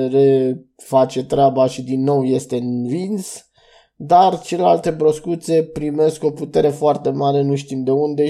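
A young man talks through a solo podcast review, rambling and chatty. His voice sits a little high but sounds mellow and warm. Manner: chatty, loose and rambling, with restarts and fillers. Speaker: podcast host.

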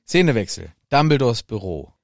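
A man co-hosting a podcast, retelling a book chapter in an animated, jokey way with dramatic quote readings. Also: mid-range voice, normal speed, creaky, no room sound, studio quality. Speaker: podcast co-host.

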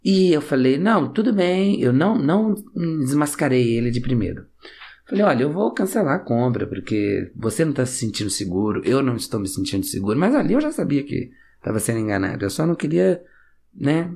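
A man with a Brazilian Portuguese accent telling a casual, self-mocking story to camera, acting out each side of the conversation with sudden jumps in pitch. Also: gravelly, husky. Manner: animated, acts out dialogue with sudden pitch jumps.

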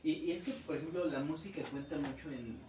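A man's voice: fairly high pitch, a little fast, far from the mic, background noise. A young Mexican man chatting casually, swearing freely and retelling stories with restarts. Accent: Mexican Spanish. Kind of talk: casual chat. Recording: echoey room, voice from off-mic.

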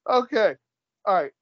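A man's voice: very high-pitched, breathy edge, dry recording. A man co-hosting a casual podcast, reading out list entries and talking bluntly, with a wry edge and casual swearing. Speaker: podcast co-host. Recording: dry, dull lo-fi sound.

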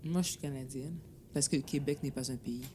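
A woman's voice: very deep voice, a little fast, mellow, slight background noise. A woman with a Quebec French accent arguing her point in a casual discussion, dropping English words into her French.

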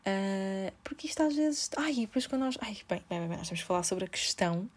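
A woman's voice: mid-range voice, lively intonation, fairly quick. A woman in her twenties with a European Portuguese accent, hosting a podcast as a casual monologue full of slang and English words. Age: 20s. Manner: chatty and informal, heavy slang, English words mixed in. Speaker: podcast host.

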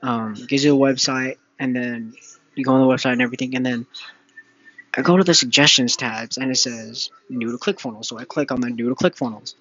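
A man's voice: mid-range voice, fairly quick, pushed and bright, lo-fi sound. A young man hosting a casual solo podcast, rambling with many fillers and restarts. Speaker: podcast host.

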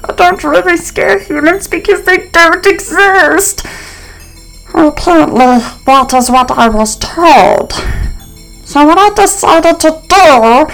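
A woman's voice: very high voice, slow pace, vocal fry, a bit bright, faint music behind, pitched above the performer's own voice, full character voice, poor audio. A woman voicing a playful little monster who hosts a spooky story show, with a bouncy, sing-song delivery. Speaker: host.

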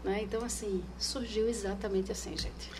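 A woman from Brazil with a Northeastern Brazilian accent, a former TV news anchor telling stories in an interview, animated and acting out remembered voices. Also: medium pitch, moderate pace, a little hiss or hum. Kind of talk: conversational interview.

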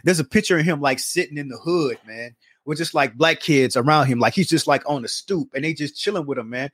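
A man's voice: a little high, fairly quick, fairly bright tone, slightly rough, no room sound. A man co-hosting a podcast in casual chat, talking in long rambling runs full of fillers, on a close mic. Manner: rambling, many fillers, earnest. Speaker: podcast co-host.

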